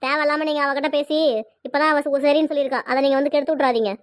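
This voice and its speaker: A woman voicing a stubborn, sharp-tongued middle-aged mother in a cartoon, arguing defiantly in Tirunelveli Tamil. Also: high voice, flat delivery, rapid-fire, natural voice. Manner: argumentative, defiant. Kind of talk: cartoon dialogue.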